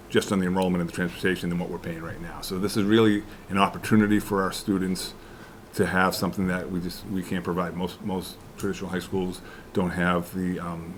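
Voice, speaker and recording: A man explaining school costs at a town board meeting, halting and restarting as he goes. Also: sits low, slight background noise. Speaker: school official presenting to select board. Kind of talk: public meeting presentation.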